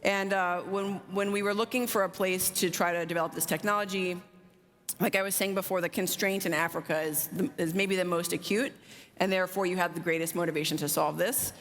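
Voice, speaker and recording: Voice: mid-range voice, steady tone, a little fast, fairly bright tone. A founder answering panel questions, fluent and upbeat, with many casual fillers. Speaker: drone logistics company founder, panelist. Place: large conference hall stage. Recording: long hall reverb.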